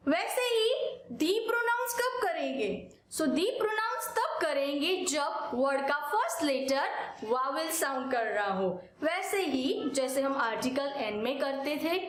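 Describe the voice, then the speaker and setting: A woman with an Indian accent teaching English grammar, slowly drilling examples and answering her own questions. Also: high-pitched, expressive. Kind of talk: classroom grammar lesson. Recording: very echoey room.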